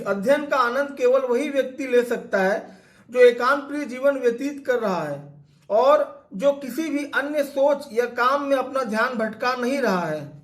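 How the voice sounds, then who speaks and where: A man with a very high voice gives a line-by-line literature lecture. He reads English quotations slowly and deliberately before explaining them. The sound is roomy and echoey.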